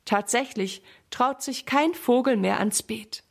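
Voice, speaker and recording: A woman reading a children's story aloud in a clear, friendly way. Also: on the high side, slow.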